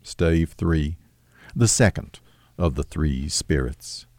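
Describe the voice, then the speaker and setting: A man narrating a classic novel as an audiobook, with measured, steady storytelling. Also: very deep voice, no room sound.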